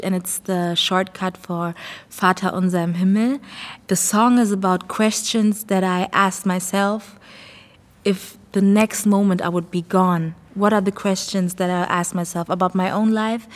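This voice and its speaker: A woman's voice: mid-range voice, in a large hall. A young woman from Germany, a singer, speaking, answering interview questions in an earnest, thoughtful way as she searches for words. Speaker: singer and songwriter.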